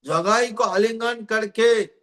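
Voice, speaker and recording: A man, a swami, giving a sermon: he chants scripture verses and then explains them, slow and emphatic. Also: high voice, bright, forceful tone.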